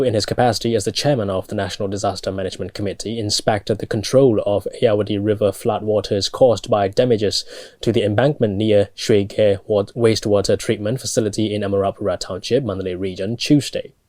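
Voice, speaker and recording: Young male newsreader, Burmese accent, slightly low voice, scripted bulletin delivery, dry close studio sound. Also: steady tone, fast talker, darkish tone, dry recording. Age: young adult. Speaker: news anchor. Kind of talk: scripted news reading. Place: indoor TV news studio.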